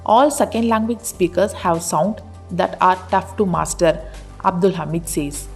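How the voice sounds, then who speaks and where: A woman narrating a pronunciation explainer in an even, read-aloud delivery. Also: lowish voice, unhurried, soft background music. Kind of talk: scripted narration of an article.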